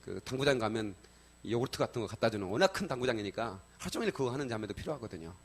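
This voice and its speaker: A middle-aged man preaching in a church, his delivery moving between loud, excited outbursts and quiet, intimate asides. He speaks in a colloquial, storytelling way and keeps drawing the congregation in with quick questions. His voice sits at an ordinary male pitch. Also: slightly rough. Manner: animated storytelling, swings from loud exclamations to soft asides; colloquial, addresses congregation with repeated "예?". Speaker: pastor. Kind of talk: sermon. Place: church sanctuary.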